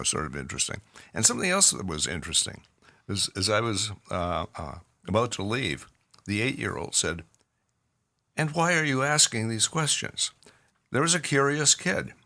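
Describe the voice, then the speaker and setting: A man with a Canadian accent co-hosting a podcast in casual chat, pausing often on fillers as he talks. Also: low voice, sing-song, vocal fry, sharp tone. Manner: halting, with many fillers. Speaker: podcast co-host, clinician.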